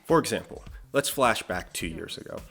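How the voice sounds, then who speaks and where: A young man with a very low, deep voice narrates a scripted economics explainer as the channel's host. He is from Pittsburgh, Pennsylvania, and talks with energy and a dry, mildly sarcastic edge. Soft music plays quietly underneath. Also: expressive, normal speed, gravelly, slightly rough.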